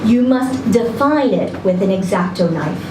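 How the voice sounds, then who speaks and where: At a live reading in an indoor social venue, a woman reads a literary short story aloud with expression. Her mid-range voice is animated and unhurried, captured by a distant event video mic in an echoey, noisy room.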